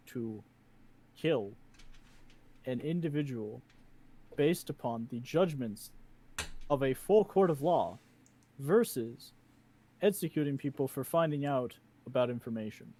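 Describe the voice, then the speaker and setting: A man's voice: mid-range voice, expressive, unhurried, pauses often, mellow, poor audio. A man chatting casually as a tabletop game player, explaining and arguing his points.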